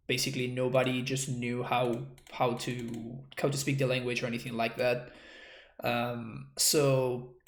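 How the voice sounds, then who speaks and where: A mid-range male voice in a roomy-sounding space belongs to a native Spanish speaker from Argentina who speaks English with a Spanish accent. Streaming, he casually remarks on his own play, thinking out loud with frequent restarts and dry, self-mocking comments.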